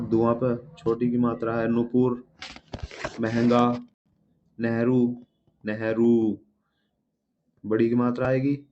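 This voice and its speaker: A man teaching a spelling lesson word by word, asking and answering his own questions and often checking with his students. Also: medium pitch. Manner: repeats each word and checks with "ठीक है". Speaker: Hindi exam teacher. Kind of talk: spelling lesson walking through words. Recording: dull lo-fi audio with faint room noise.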